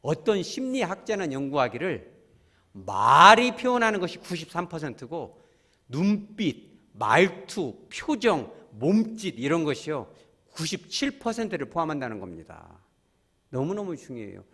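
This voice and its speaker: A man preaching a sermon as pastor, animated, acting out quotes and often speaking to the congregation. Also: fairly high pitch, a little slow.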